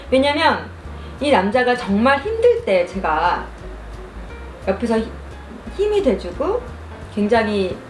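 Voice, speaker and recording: A young adult woman telling a story casually over food and drink, chewing while talking and speaking in an animated storyteller's manner. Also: a little high. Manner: animated storytelling, acts out quoted lines. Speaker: mukbang vlogger. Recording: roomy echo, music behind.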